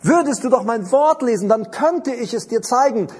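A preacher voicing a sorrowful, pleading Holy Spirit. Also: male voice, very high-pitched, animated, normal speed, darkish tone, slightly rough, heavily acted.

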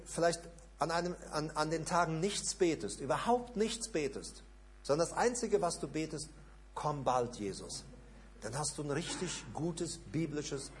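A male pastor preaching a sermon in a church service that is also streamed online. He repeats short prayer lines fervently and drops to a hushed, low voice when he prays them. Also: moderate pace, slight background noise.

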